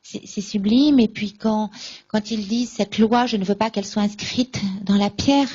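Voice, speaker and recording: A woman giving a personal faith testimony at a conference, recounting events with lively acted-out dialogue. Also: medium pitch, moderate pace, breathy edge, muffled recording. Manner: lively, acts out remembered dialogue.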